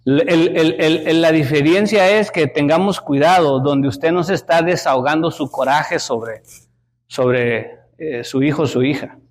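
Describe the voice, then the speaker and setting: A middle-aged Mexican man teaching a Sunday school class, animated, often repeating words and asking the class questions. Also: a little high, a little slow. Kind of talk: Sunday school lesson, preaching.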